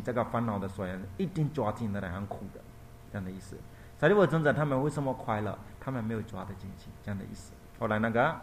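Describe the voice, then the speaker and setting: A male monk telling a Buddhist story in a dharma talk. He is repetitive and explanatory, pauses to search for words and closes points softly. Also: fairly low pitch, vocal fry, slight background noise. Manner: repetitive, explanatory, ends points with a quiet tag.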